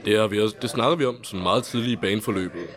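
A man's voice: fairly low pitch, crowd noise. A Danish man, a band member, answering interview questions at length in a thoughtful, casual way.

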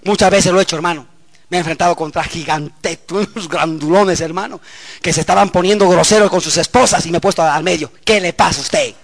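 Pastor guy preaching hard, high voice, bit of fry, yells "hermano" a lot. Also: fairly even intonation, a little fast. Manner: fervent preaching, shouting climaxes, constant "hermano" and "aleluya". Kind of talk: Pentecostal sermon.

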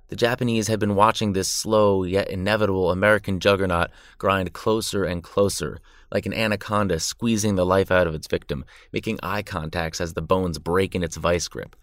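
Male narrator, scripted history, dramatic, irreverent asides, deep voice. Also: a bit bright, dry recording, studio quality. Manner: dramatic yet irreverent storytelling.

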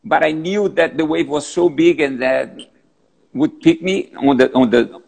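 A man in his fifties, a big wave surfer, answering interview questions in halting, repetitive English, calling in from a gym. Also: a little high, vocal fry, a little mellow. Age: 50s. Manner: halting, repeats words, non-native phrasing.

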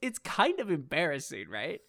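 A young man in his twenties hosting a casual podcast chat, animated, laughing often and filling his talk with "like" and "dude". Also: fairly high pitch, normal speed, no echo, studio quality. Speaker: podcast host.

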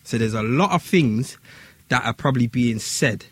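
A man's voice: medium pitch, lively intonation, moderate pace, husky, no echo. A man with an urban London street accent telling a story in casual, slang-heavy talk, repeating phrases for emphasis.

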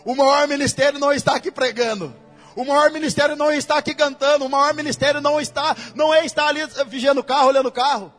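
A man's voice: very high voice, steady tone, quick pace, fairly bright tone, soft background music. A man with a Brazilian Portuguese accent preaching a sermon in a church, in a casual, slangy way that speaks straight to the listeners.

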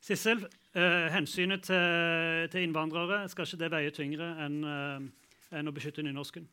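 A man moderating a live public panel debate, briskly reading out audience questions and joking with the panel. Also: on the high side, little pitch movement, bright, forceful tone, clear, resonant tone.

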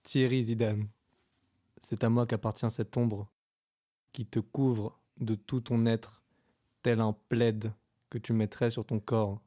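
A man's voice: on the low side, little pitch movement, takes it slowly, pauses often, warm tone. A man voicing a lofty male stranger who talks in a grandiose, enigmatic way. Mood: pompous lofty.

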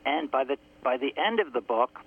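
A man speaking as a guest author in a phone-in radio interview, heard through a crackly phone line that fades in and out, telling his story slowly and reflectively. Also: mid-range voice, expressive, slightly rough. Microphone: telephone. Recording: tinny telephone line.

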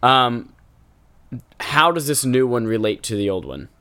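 A man chatting as a podcast co-host, with a voice of ordinary middle pitch. He jokes around and swears casually. He talks in quick bursts. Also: expressive, bright, forceful tone, clear, resonant tone. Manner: joking, crude, quick bursts. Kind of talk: casual chat.

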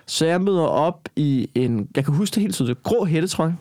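Young man, rambling storyteller in a chat, a touch high-pitched, very dry close sound. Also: expressive, a little mellow, no room sound. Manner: rambling, frequent restarts and fillers, swearing. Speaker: guest telling a story.

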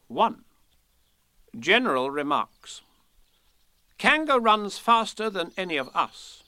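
A man's voice: high-pitched, dry recording, voice pushed up, heavily acted. A man voicing a bossy, self-important male rabbit who loves making plans, in a storybook reading. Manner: brisk, self-important, lively. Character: bossy clever male rabbit, brisk planner.

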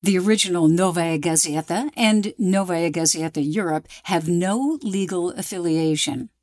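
Female radio documentary reporter, lower register, dry studio sound, scripted narration. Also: moderate pace, a little mellow, no echo.

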